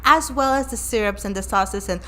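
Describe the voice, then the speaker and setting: Woman, coffee shop owner, grateful and chatty, bright ringing voice. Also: medium pitch, a little fast. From Mexico. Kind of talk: casual interview.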